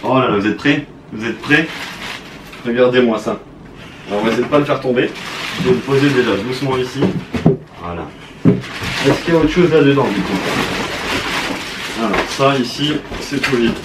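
A young man with a French accent, chatting excitedly to viewers as he unboxes a collector's set. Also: medium pitch, moderate pace, long pauses, very noisy. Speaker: YouTuber. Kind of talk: casual unboxing commentary.

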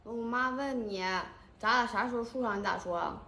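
A woman's voice: fairly high pitch, normal speed, gravelly, sharp tone, echoey room. A woman playing a bossy, exasperated young woman in a casual comedy skit. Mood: instructing. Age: 20s. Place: small lounge indoors.

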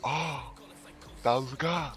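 A man talking in a disguised deep voice while gaming, joking and swearing with a friend. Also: very slow, fairly bright tone, faint music behind. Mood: gruff banter. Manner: swearing, joking gamer banter.

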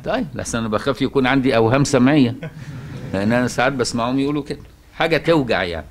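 Fast-talking Egyptian man teaching Quran. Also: mid-range voice, lively intonation, slight background noise. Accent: Egyptian Arabic. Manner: conversational, asks rhetorical checks, chants verses slowly. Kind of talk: colloquial religious lesson.

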